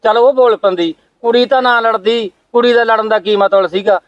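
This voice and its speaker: A man's voice: high voice, steady tone, brisk, no room sound, lo-fi sound, lightly acted. An actor playing a young married son who complains to his father about his share. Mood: aggrieved. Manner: complaining, pleading. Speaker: actor in a family skit. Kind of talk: home-made family drama skit.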